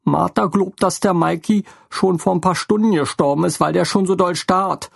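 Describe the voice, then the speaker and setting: A man reading a story and voicing Lene, a stout, kindly older woman who is breathless and tearful, in a higher voice. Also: normal speed, gravelly, slightly rough, no room sound, clean studio sound, full character voice. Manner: sobbing, breathless and simple-spoken.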